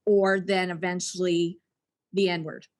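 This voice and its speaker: A Canadian woman who works in education appears as a podcast guest, telling her own story frankly and reflectively with an occasional laugh. Her voice is fairly low, level in tone and slow-paced.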